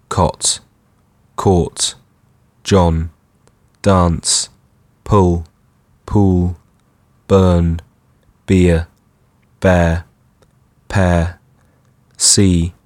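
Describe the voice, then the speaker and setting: Young male, late teens, modern British RP accent. Low-pitched, flat intonation, reading aloud as an accent sample. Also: no room sound. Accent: broad Received Pronunciation, modern British. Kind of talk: reading a passage and word list aloud.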